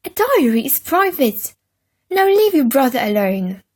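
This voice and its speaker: A woman's voice: high-pitched, sing-song, a little slow, a little mellow, pitched above the performer's own voice. Woman doing a stern scolding mother. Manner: firm and scolding. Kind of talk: storybook reading.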